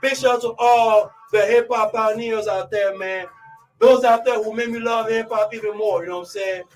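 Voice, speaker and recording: A male radio host from Côte d'Ivoire with a high voice, pumping up his listeners and leaning on the same filler phrase again and again. He sounds a little off-mic, with music playing underneath. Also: steady tone, normal speed, far from the mic, rough recording. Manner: hypes listeners with constant "you know what I'm saying" fillers. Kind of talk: live radio show intro.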